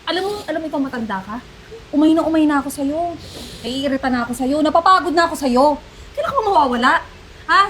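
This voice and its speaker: An actress plays a heartless young woman who berates her aged mother in a very high, shrill voice. Her tone is scolding and mocking, melodrama style. Faint noise sits behind the voice. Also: lively intonation, quick pace, fairly bright tone. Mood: contemptuous. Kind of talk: melodrama acting.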